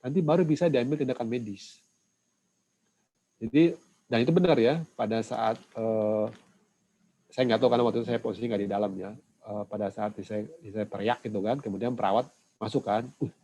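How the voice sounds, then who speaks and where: A male lecturer explaining and telling a story in an online class, halting with frequent fillers and getting animated as he recounts it. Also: fairly low pitch, low-quality recording. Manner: halting, many "eh" fillers and tag "ya".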